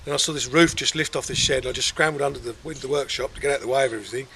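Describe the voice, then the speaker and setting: A man's voice: mid-range voice, very fast, gravelly, bright, forceful tone. A male farmer, giving a plain-spoken, rambling and matter-of-fact eyewitness interview. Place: outdoors in a farmyard. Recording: outdoor background noise, vehicle sounds.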